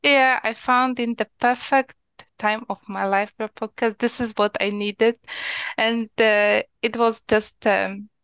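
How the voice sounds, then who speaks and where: A woman's voice: fairly high pitch, steady tone, a little slow, a bit bright, clean tone, no room sound. A young woman from Ukraine with a Ukrainian accent, a guest on an interview who speaks English hesitantly, searching for words with many fillers. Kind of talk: conversational interview.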